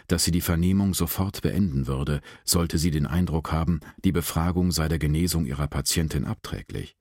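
A man narrating an audiobook in a very low, deep voice. He reads evenly and steadily, close to the mic. The sound is dry, with no room. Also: darkish tone, no echo.

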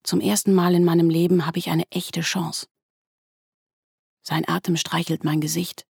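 A woman narrating a first-person literary story in a hushed, tense way, at times sinking to a whisper. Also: on the low side, little pitch movement, moderate pace, gravelly, breathy edge, no room sound, clean studio sound. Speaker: audiobook narrator.

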